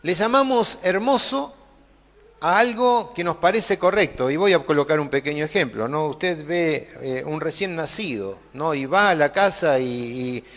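Male preacher, high voice, chatty sermon style, halting restarts. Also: a bit bright. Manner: conversational, many filler tags and restarts. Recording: long hall reverb.

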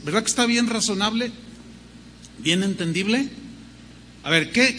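A man's voice: high voice, pushed and bright, in a large hall, slight background noise. An older man preaching a sermon as pastor, telling a story with acted-out dialogue and rhythmic lists of words.

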